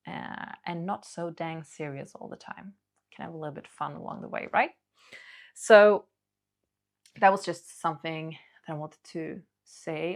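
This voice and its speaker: A video creator with a lowish voice speaks casually and candidly to her audience. Her monologue is hesitant, rambling and confiding.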